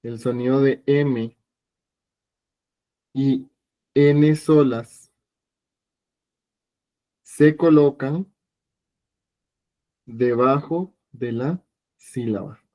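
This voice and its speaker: A man's voice: medium pitch, dark tone. Patient man teaching a language class. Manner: patient, repeats sounds slowly for students. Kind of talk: online class lesson.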